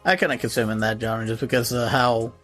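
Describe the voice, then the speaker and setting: A man's voice: mid-range voice, fairly even intonation, fast, fairly bright tone, faint music behind. Laid-back man in casual podcast chat. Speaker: podcast co-host.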